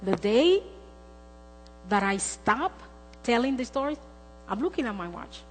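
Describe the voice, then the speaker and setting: A woman's voice: fairly high pitch, very animated, a little slow, faint music behind. A woman preaching a sermon in a church, emphatic, repeating words for stress as she tells a story. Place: church sanctuary. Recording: long hall reverb with faint mains hum.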